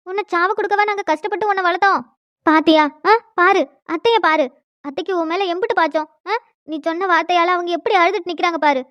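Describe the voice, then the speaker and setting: A middle-aged mother from a cartoon family drama, scolding and nagging, as a woman puts her on. Her voice is high and hurried, and the recording sounds dull and lo-fi. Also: no echo. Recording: dull lo-fi, dry.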